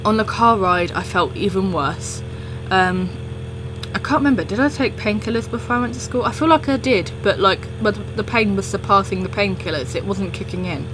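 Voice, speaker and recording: A woman's voice: mid-range voice, moderate pace, background noise. A young woman telling a personal story in a casual, rambling chat, often interrupting herself as she goes. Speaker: storytelling video creator.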